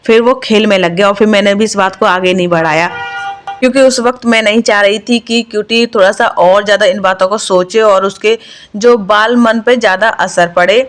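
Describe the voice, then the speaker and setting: A woman's voice: medium pitch, steady tone, normal speed. Mom doing a chatty voice-over for her home vlog, lots of little fillers, talking like she's confiding in you. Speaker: vlogger, mother. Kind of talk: casual voice-over vlog narration.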